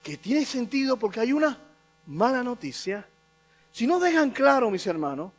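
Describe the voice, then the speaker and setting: Male pastor with a very high voice, emphatic preaching that repeats its points. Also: big pitch swings, normal speed. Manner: emphatic, repeating key phrases for stress. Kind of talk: sermon.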